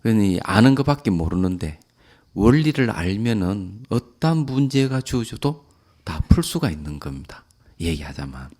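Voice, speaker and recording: A man, a Buddhist monk, giving a calm dharma lecture that often trails off softly at the ends of phrases. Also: on the low side, normal speed.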